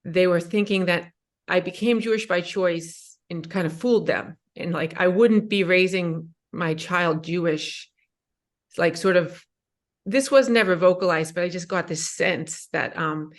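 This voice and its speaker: Middle-aged woman, lowish voice, halting audience question with many fillers. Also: fairly even intonation. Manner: hesitant, many fillers and restarts. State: emotional, voice rising. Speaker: audience member asking a question. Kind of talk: emotional personal question at an online book talk.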